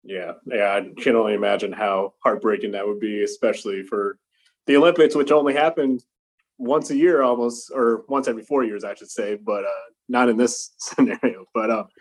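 Man asking halting interview questions. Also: lowish voice. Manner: halting questions full of fillers and restarts. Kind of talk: casual interview.

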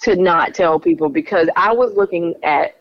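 A woman tells her personal testimony in an expressive way and repeats phrases for emphasis. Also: fairly low pitch, normal speed, no echo. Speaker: guest telling her testimony. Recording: dry, slightly dull audio.

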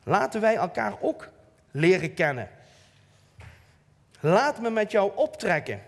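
A man's voice: high-pitched, sing-song, slow pace, gravelly. A man with a Limburg Dutch accent giving an informal, earnest church talk, plain-spoken with light self-mocking asides. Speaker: lay preacher. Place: church hall. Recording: long hall reverb.

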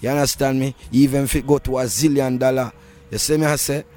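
Jamaican guy chatting rasta style in patois, interviewed, clear music playing behind him. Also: mid-range voice, fairly even intonation, quick pace, dark tone. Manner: Rasta speech with patois and devotional phrases. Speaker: reggae artist being interviewed. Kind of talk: casual interview talk.

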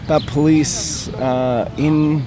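A man's voice: on the high side, level tone, slow, a crowd in the background. A man who is a guest actor, chatting in an easygoing, wry, teasing way outdoors in a city park. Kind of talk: casual chat. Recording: clear street noise behind. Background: city traffic noise.

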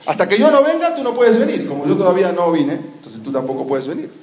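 A man's voice: high voice, very animated, fast, a little hiss or hum. Man voicing a stern scolding rabbi. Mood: defiant. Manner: forceful, scolding. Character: stern older male rabbi, defiant scholar. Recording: muffled lo-fi audio.

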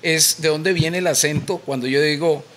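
A man's voice: fairly high pitch, fairly even intonation, normal speed, a bit bright, slight background noise. A man talking as a podcast guest, lecturing on history with many hesitations. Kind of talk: casual podcast chat.

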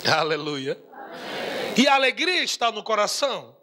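A man preaching a sermon with fervor, laughing often and breaking into shouts. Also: high voice, big pitch swings, normal speed, background noise. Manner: fervent, laughing, bursts into shouts.

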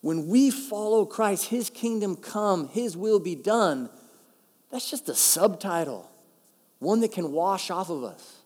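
A pastor preaches a sermon in a chatty, emphatic, expressive manner, slowing down to stress key phrases. His voice is a little high for a man and slightly mellow. Each phrase trails off into long reverb from a large church hall.

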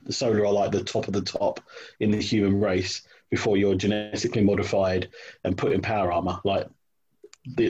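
A man's voice: fairly low pitch, darkish tone, husky. A man in casual chat about his hobby, hesitant, with many ums and restarts, on dull lo-fi call audio. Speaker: hobby wargamer guest.

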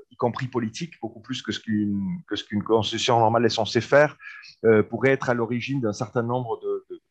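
A man's voice: medium pitch, dull audio. A man from Argentina, a seminar discussant commenting on a book, speaking hesitantly with many fillers and restarts.

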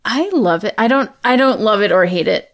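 A woman's voice: medium pitch, animated, fairly quick. Candid, offhand woman. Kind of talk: casual chat.

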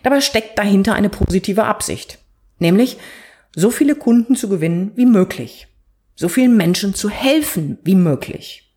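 A woman's voice: mid-range voice, animated, moderate pace, a little mellow. A woman hosting a podcast, presenting and chatting in a structured, explanatory way with vivid examples. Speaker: podcast host.

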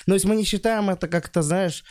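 A man chatting casually as an interview guest, with a speech impediment that softens his R sounds toward a W, explaining things in informal, slangy language. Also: high voice, fast, no echo, clean studio sound. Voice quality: speech impediment with non-standard R, like a w. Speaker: guest, stand-up comedian.

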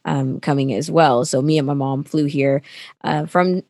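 A woman's voice: sits low, steady tone, moderate pace, a little mellow, no echo. A chatty woman in her twenties, guest on a casual radio talk show, who laughs easily. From Canada. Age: 20s. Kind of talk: casual interview chat.

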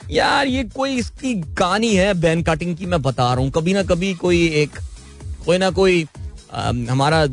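Male morning host, Pakistani Urdu accent, slightly high pitch, breezy and chatty, faint music underneath. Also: animated, unhurried. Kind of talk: live morning show chat.

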